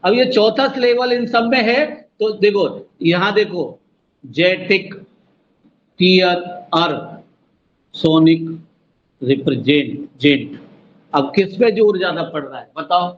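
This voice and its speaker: A man teaching an online exam-prep class, drawing words out slowly syllable by syllable and calling his students "beta", with an Indian English accent. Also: sits high. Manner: slow, drawn-out spelling of words, addresses students as "beta". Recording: dull lo-fi audio with faint noise.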